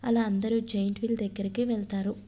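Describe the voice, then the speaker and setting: A woman reading a love story aloud, naming each speaker before their line in a flat, even voice. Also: medium pitch, fast.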